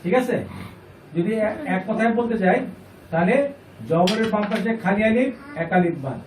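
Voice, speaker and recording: A high-voiced man teaching a reading class, patient and repetitive, pausing to quiz his students. He sounds distant from the microphone, in an echoey room with faint noise behind him. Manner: patient, repeats points and asks the class questions. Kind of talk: classroom lesson.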